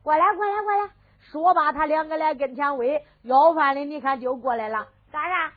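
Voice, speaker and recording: A woman's voice: high voice, normal speed, natural voice. A woman with a Henan accent voicing a scrappy, cheeky male beggar who chatters along. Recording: phone-like lo-fi with faint music.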